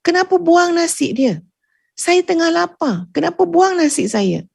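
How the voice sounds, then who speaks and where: A woman's voice: very high-pitched, lively intonation, a little slow, gravelly, dry recording, studio quality, pitched above the performer's own voice, heavily acted. A woman voicing a hungry, indignant friend who demands answers in an exasperated, questioning way.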